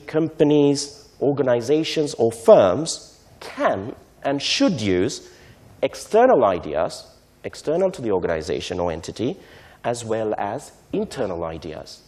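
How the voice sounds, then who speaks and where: A man, giving a measured, explanatory lecture to a conference audience and often checking in with "right?". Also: medium pitch, mellow. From Sri Lanka. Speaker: invited speaker on technology transfer.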